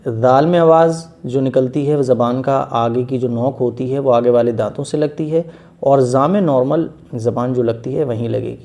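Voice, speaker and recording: Man teaching long drawn-out letters. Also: medium pitch, warm tone. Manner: drawn-out letter sounds in one breath. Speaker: Quran reading teacher. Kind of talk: patient spoken lesson.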